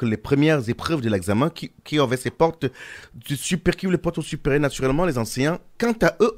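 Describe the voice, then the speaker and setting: A man hosting a local radio news magazine, interviewing a guest and introducing reports, with many fillers and restarts. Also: mid-range voice. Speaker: radio host.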